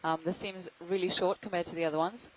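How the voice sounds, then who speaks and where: A woman giving live, thoughtful commentary with frequent ums as science narrator on a deep-sea livestream. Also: steady tone, quick pace, a little hiss or hum, poor audio.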